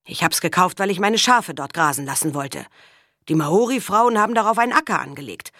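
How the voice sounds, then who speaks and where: A woman's voice: lowish voice, animated, brisk, fairly bright tone, no echo, studio quality. A woman reading the part of an aggrieved man who farms sheep, telling his complaint. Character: aggrieved male sheep farmer.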